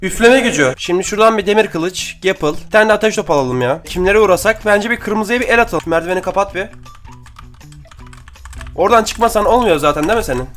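Young male gaming creator: high-pitched, fast-talking, excitable, slangy, chatty with viewers over soft background music. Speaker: gaming YouTuber. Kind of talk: live gameplay commentary.

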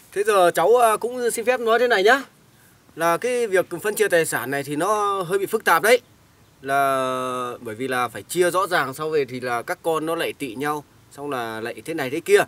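A man's voice: fairly high pitch, moderate pace, fairly bright tone, close to an everyday voice. A man playing a polite village head who rambles and hedges with many fillers, in an amateur short film. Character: polite village head sorting a family's property.

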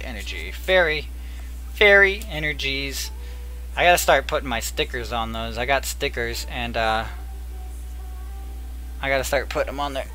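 A young man with a medium-pitched, hoarse voice that he's losing chats casually while opening card packs at a table in a small room. He murmurs card names and gets excited now and then, recorded on a headset with a little hiss or hum.

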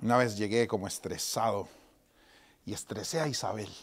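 A man in his forties preaching a sermon as pastor in a church, dramatic, going from loud outbursts to hushed whispers. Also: fairly low pitch, normal speed, husky. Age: 40s.

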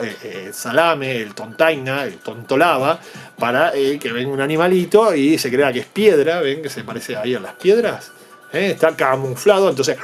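A man, unboxing toys and patiently explaining them to young viewers, checking in with them all the time. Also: fairly high pitch. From Argentina. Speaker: toy unboxing vlogger.

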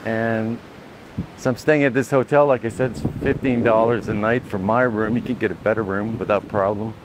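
Filming first-person on a handheld camera, a travel vlogger walks outdoors near a beach and along dirt roads, talking casually. His voice is lowish and his pace moderate over a noisy background, and he rambles in a relaxed way, correcting himself as he goes.

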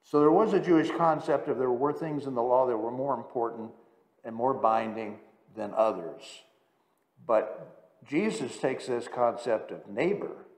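A man preaching a sermon as pastor, teaching and explaining words, slowing down to stress scripture. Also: medium pitch, a little mellow, reverberant, in a large hall. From United States. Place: church sanctuary.

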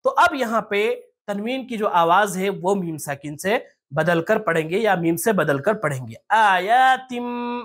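A teacher giving a step-by-step lesson on reading the Quran. The teacher often asks rhetorical questions and spells out letter sounds slowly. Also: mid-range voice, animated, a bit bright, breathy edge. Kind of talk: tajweed lesson.

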